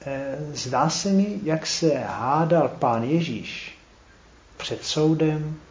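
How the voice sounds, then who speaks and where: A man leading a group Bible study, talking reflectively and pausing to put questions to the group. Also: mid-range voice, slight background noise. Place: room with a small group. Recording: roomy, dull recording with faint clicks.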